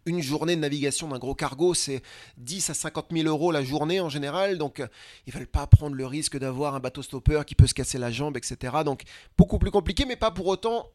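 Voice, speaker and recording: A man telling his travel story in a casual, lively interview, running through lists of places. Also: on the high side, fast, dry recording, studio quality. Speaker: guest, traveler and speaker. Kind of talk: conversational storytelling.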